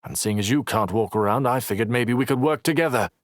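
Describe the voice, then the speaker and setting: A man's voice: mid-range voice, fast talker, no echo, studio quality, voice pushed up, close to an everyday voice. A man narrating an audiobook voices an injured, determined man who talks earnestly, teases, and snaps back. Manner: earnest, teasing, snappish.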